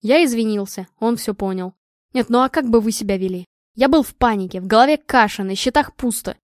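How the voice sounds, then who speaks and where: A woman's voice: fairly high pitch, a little fast, dry recording, studio quality, natural voice. A woman reading the part of a panicky, hot-headed husband who defends himself desperately. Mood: remorseful.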